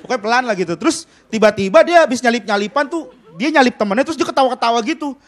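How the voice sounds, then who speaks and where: A man's voice: very high voice, expressive, rapid-fire, some chatter behind, a little hiss or hum. A man doing a stand-up comedy routine on a TV stage, ranting in a mock-indignant way. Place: television studio stage with audience.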